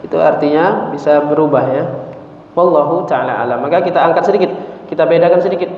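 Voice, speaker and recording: A man teaching Quran recitation, explaining patiently and chanting verses slowly for a group to repeat, recorded in a mosque hall. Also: fairly high pitch, slight background noise. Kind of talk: tahsin lesson with call-and-repeat recitation. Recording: echoey mosque hall, distant mic, tinny phone-like sound.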